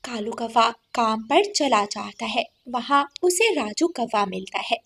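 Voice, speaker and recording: A woman narrating a cartoon story in a plain, steady storytelling manner. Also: a little high, unhurried, vocal fry, breathy edge.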